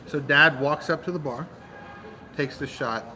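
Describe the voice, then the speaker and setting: A man hosting a channel, telling a long joke in casual storytelling style, animated and full of dramatic pauses. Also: on the high side, faint music behind, rough recording. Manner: animated, dramatic pauses, acts out crowd voices. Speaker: channel host.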